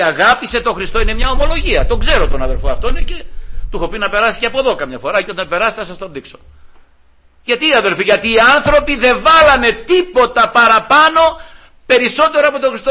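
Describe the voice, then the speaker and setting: Casting: male preacher, high and bright, storytelling sermon to the congregation. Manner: storytelling, repeatedly addressing the congregation.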